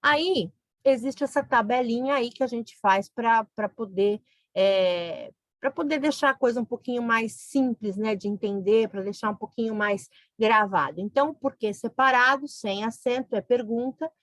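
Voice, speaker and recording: A woman's voice: fairly high pitch, normal speed, no echo. A woman teaching a grammar lesson, explaining patiently and checking in with the listener. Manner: explains patiently, often adds "né?".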